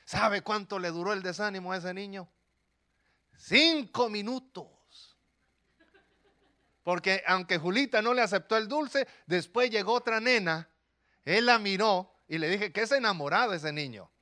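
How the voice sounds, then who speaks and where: High, bright-voiced preacher man. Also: a little slow, pauses often. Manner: animated storytelling with rhetorical questions. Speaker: pastor. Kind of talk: sermon.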